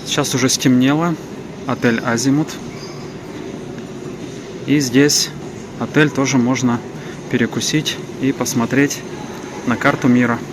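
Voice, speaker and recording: A man's voice: mid-range voice, steady tone, unhurried, pauses often. A man giving a casual trip-report narration as a travel vlogger walking through an airport terminal. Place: large indoor airport terminal. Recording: noisy airport terminal ambience.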